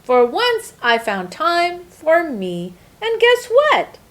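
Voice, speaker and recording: A woman voicing an earnest, eager-to-please good egg in an expressive, emphatic children's storybook telling. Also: very high voice, slow pace, pitched above the performer's own voice, exaggerated voice. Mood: relieved, hopeful. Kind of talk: first-person children's storybook narration.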